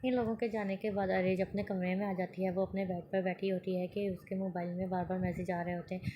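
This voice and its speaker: Female narrator, reads a novel aloud, monotone, stumbles and restarts often. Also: fairly low pitch, fast talker, slight background noise. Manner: steady reading with frequent slips and restarts. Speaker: novel reader. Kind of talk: reading a romance novel aloud.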